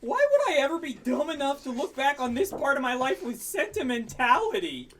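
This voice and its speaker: Woman playing a very high-pitched bratty teen boy. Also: sing-song, fairly quick, slight background noise. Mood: sullen sarcasm. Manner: sarcastic, giggly, exclamatory. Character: bratty, mischievous fifteen-year-old boy, a proud punk. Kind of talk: improvised comedy audio drama.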